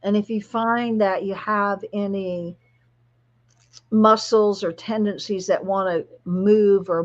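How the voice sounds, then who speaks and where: A woman spiritual guide leading a guided relaxation meditation in a soft, soothing, spa-like manner. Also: mid-range voice, muffled recording. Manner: soft, soothing, slow-paced spa-like delivery.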